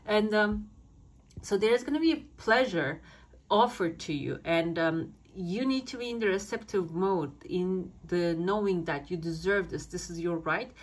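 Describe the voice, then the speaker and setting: A woman's voice: lowish voice, animated, a little slow. A woman speaking as a fortune teller, giving a coffee cup reading to viewers in searching, interpretive phrasing. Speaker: fortune teller, channel host.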